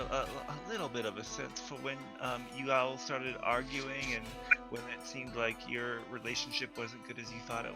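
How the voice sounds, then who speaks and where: Halting man at a tabletop game, music behind. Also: medium pitch. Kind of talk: casual game chat.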